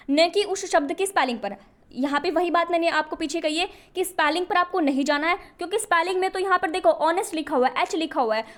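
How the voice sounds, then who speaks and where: A woman runs a coaching lesson on grammar. She keeps asking her students questions and answering them herself, going back over each key point. She sounds like a patient, drilling teacher. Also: sits high.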